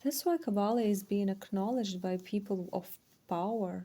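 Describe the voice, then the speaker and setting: A woman's voice: medium pitch, a little fast, dark tone. A woman in a casual conversation, curious, thinking aloud and asking follow-up questions.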